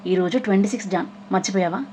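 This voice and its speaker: A woman's voice: medium pitch, very fast, darkish tone, slight background noise, close to an everyday voice. A woman voicing a chatty young female friend who teases. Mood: teasing. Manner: teasing, chatty.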